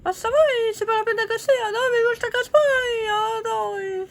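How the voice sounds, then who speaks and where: A woman voicing squabbling paper-doll ladies in a squeaky, high, bickering voice. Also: a little fast, background noise. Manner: bickering, teasing, snappy.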